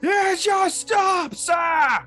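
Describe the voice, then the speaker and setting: A man's voice: extremely high pitch, drawn-out words, pushed and bright, soft background music, pitched above the performer's own voice, full character voice. A man voicing a huge, dopey, hard-of-hearing ogre in a tabletop game, bellowing everything like a cartoon. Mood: cheerful bellowing. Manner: bellowing at full volume. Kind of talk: cartoonish tabletop role-play voice.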